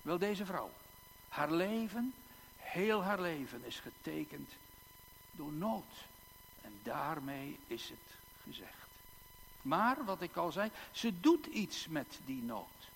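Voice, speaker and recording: A male pastor preaching a sermon in a church, slow and emphatic, with long dramatic pauses and repeated words. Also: high-pitched, huge pitch swings, creaky, fairly bright tone. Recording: echoey church hall, faint hum.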